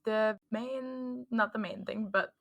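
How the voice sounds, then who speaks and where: A woman in her thirties hosting a podcast in casual chat, thinking aloud with relaxed fillers. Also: on the high side, takes it slowly, creaky. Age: 30s. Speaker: podcast host.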